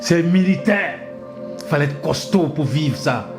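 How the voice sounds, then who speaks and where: Pastor in his fifties, slightly high voice, emphatic and repetitive, music underneath. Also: animated, measured pace. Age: 50s. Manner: emphatic, repetitive, punctuated by amens and hallelujahs. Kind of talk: exhorting sermon talk with his wife.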